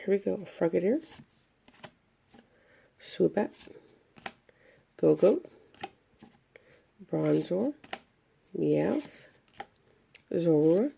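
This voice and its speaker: Slow, gravelly woman listing cards. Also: on the low side, warm tone, slight background noise. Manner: unhurried, listing cards one by one. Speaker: card collector opening packs. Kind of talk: casual pack-opening commentary.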